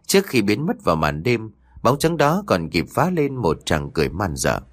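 A man's voice: on the low side, very animated, moderate pace, no echo. A man narrating a horror audiobook in a dramatic storytelling manner.

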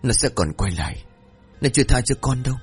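A man's voice: medium pitch, animated, a little fast, slightly rough, faint music behind, pitched above the performer's own voice. A man voicing a terrified young son, injured and haunted, telling his parents what he saw in a trembling, pleading voice.

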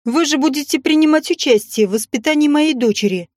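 A man's voice: extremely high pitch, brisk, a little mellow, no room sound, clean studio sound, voice pushed up. A man reading an audiobook voices a brazen, scheming young mother with a sly, mocking, venomous manner.

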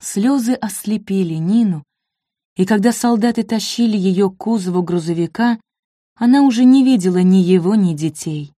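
A woman's voice: mid-range voice, normal speed, mellow, no echo. Woman narrating an audiobook, dry sound. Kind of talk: scripted narration.

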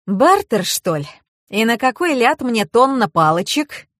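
A woman's voice: on the high side, very animated, a little slow, a bit bright, dry recording, clean studio sound, pitched above the performer's own voice, exaggerated voice. Lady doing a big crude husband, blunt and folksy, haggling type, audiobook.

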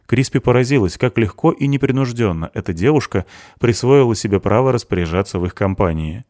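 A man reading fiction aloud in steady, even audiobook narration. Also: medium pitch, fairly quick, dry recording, studio quality. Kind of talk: scripted narration.

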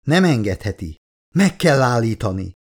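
A man's voice: mid-range voice, very animated. A man reading an audiobook, voicing a desperate female scientist who pleads urgently. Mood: pleading. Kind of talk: audiobook character voice.

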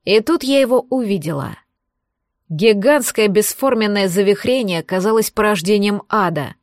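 A woman's voice: mid-range voice, lively intonation, moderate pace, no echo, studio quality. Woman narrating a fantasy audiobook. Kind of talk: scripted narration.

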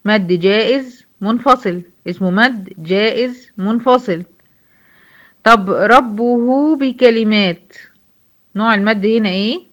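A woman's voice: mid-range voice, a bit bright, muffled recording. Egyptian woman teaching Quran recitation. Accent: Egyptian Arabic. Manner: slow drawn-out recitation, then quick explanations and questions to students. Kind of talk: tajweed lesson.

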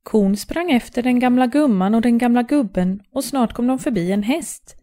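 A woman's voice: fairly high pitch, mellow. Woman reading a fairy tale aloud. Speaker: storyteller.

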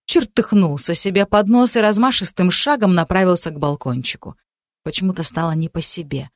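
A woman narrating a first-person audiobook with expressive storytelling. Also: fairly low pitch, fairly quick, no echo, clean studio sound.

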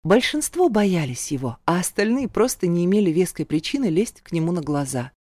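A woman reading a first-person story aloud in a calm, even narrating manner. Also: lowish voice, fairly quick, no echo. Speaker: audiobook narrator.

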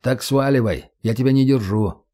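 A man voicing a wary, gruff adult knife-thrower who talks in low, clipped phrases. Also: moderate pace, warm tone, close to an everyday voice. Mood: dismissive.

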